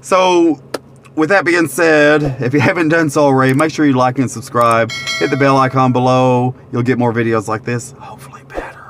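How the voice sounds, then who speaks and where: Sitting in a parked car, a vlogger and restaurant reviewer talks through a meal to camera in a casual, rambling, filler-heavy way. His voice is medium-pitched and fairly bright, with a steady tone and moderate pace. The phone camera is held at arm's length, and a slight hiss or hum is present.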